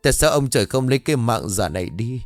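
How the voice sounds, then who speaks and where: A man's voice: lively intonation, fast talker, dry recording, soft background music, lightly acted. A man playing a wailing old mother. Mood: grieving. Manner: high, wailing, anguished. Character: frantic grieving old mother.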